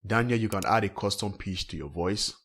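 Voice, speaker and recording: This software tutorial is led by a man whose low voice has a slight roughness; he talks a little fast, following a script step by step as a tech host.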